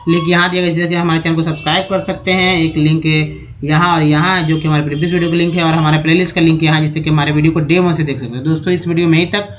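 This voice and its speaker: A man's voice: on the high side, level tone, very fast. A man teaching a video lesson in Hindi, patiently explaining English vowel sounds and spelling words out letter by letter.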